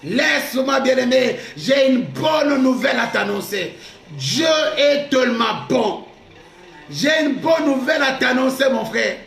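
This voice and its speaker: A male pastor preaching a sermon, shouting his points and repeating them, in an echoey hall with faint music behind him. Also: very high voice, animated, unhurried, gravelly. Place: church hall.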